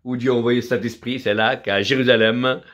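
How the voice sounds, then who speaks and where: A man's voice: medium pitch, fairly even intonation, brisk, fairly bright tone. A middle-aged man, from Vietnam, preaching a fervent sermon full of repetition and alleluias.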